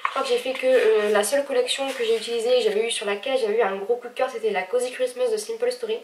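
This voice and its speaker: A woman's voice: fairly high pitch, steady tone, fast talker, reverberant, far from the mic. A woman with a stuffy, nasal voice, chatting casually about her recent purchases with frequent hesitations. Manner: chatty, many hesitations, gushing. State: stuffy nose, speaking with effort. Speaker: vlogger. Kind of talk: casual haul video.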